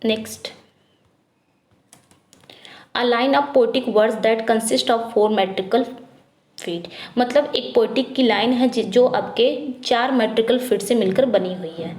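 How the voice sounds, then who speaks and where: A woman teaching an English exam prep lesson, reading questions slowly and explaining quickly in Hindi, asking and answering herself. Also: on the high side, a little mellow, reverberant. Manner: repetitive drilling, asks then answers herself.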